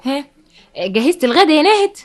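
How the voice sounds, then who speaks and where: Practical, fussing young housewife, fast speech, Egyptian accent, female, old radio comedy acting. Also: high voice, very animated, over loud music. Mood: dismayed. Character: practical, fussing young wife and new mother.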